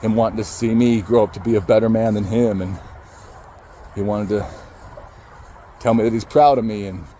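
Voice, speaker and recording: A man with a low, mellow voice tells a personal story, halting and emotional, with casual swearing along the way. A faint hum of traffic and street noise sits behind him outdoors. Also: steady tone, low-quality recording. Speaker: motivational speaker.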